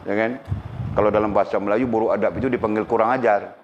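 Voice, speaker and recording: A middle-aged man giving a lively religious lesson and often asking his listeners questions. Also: fairly low pitch, fast. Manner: lively, asks the audience questions. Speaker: religious teacher. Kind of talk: sermon. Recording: dull lo-fi recording with faint noise.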